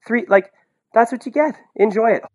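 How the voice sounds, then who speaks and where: Speaking at normal speed in a high, slightly mellow voice, a male podcast commentator offers casual, opinionated sports talk. He comes across as blunt and incredulous, full of rhetorical questions and the word "like."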